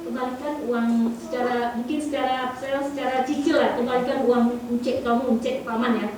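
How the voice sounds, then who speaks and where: A middle-aged woman giving a sermon testimony, telling her story in a lively way and acting out the voices of the people in it. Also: fairly high pitch, normal speed, a little hiss or hum. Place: church hall. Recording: echoey hall from far off.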